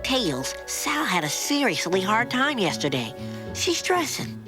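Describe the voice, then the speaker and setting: Cartoon hero: a breezy teen daredevil with a lively, bouncy pitch, music behind. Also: male voice, a little slow. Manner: breezy, slangy. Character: cocky teen male hero, laid-back.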